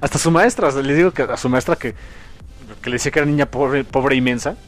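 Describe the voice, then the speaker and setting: A man co-hosting a casual comic review chat, animated and acting out characters' lines. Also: mid-range voice. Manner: animated, acts out characters' lines in quick voices. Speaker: podcast co-host.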